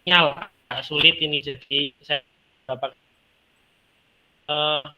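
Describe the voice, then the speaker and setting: A man's voice: a little high, steady tone. Man on a choppy, cutting-out call. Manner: halting, many fillers and restarts. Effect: choppy, cutting-out online call audio. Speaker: teacher in an online discussion. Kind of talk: casual discussion remarks. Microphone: video call. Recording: dull lo-fi call audio breaking up.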